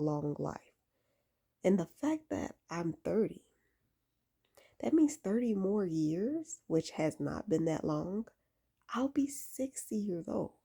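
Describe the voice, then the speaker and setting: Her voice is lowish and mellow, with vocal fry and a slightly rough edge. She's a vlogger in her late twenties giving faith-based lifestyle advice straight to camera, casual yet emphatic and exhorting, repeating key phrases for emphasis.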